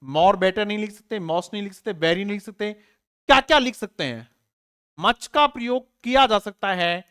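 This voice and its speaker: A man's voice: sits high, a bit bright. A male teacher giving an online exam-prep grammar lesson. He asks students questions and answers them himself, repeats key words, spells them out letter by letter and urges the class on in a friendly, informal way.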